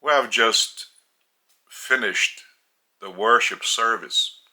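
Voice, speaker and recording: Pausing at length between phrases, a Lithuanian-accented man delivers spiritual instruction in a halting, deliberate manner. He has a lowish voice that sounds pushed and bright.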